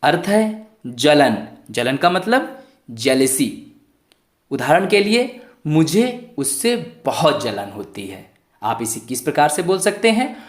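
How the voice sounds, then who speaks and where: Lively, echoey-voiced male tutor. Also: a little high. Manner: asks the class questions and answers them himself; sounds out words letter by letter, slowly. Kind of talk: online Hindi lesson for young pupils. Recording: echoey room.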